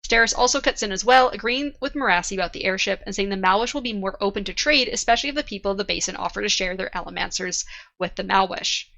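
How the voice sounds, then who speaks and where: Gravelly, bright-voiced woman podcaster. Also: medium pitch, fast. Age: 30s. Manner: laughs often, casual swearing. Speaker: podcast host. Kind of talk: casual book club podcast chat.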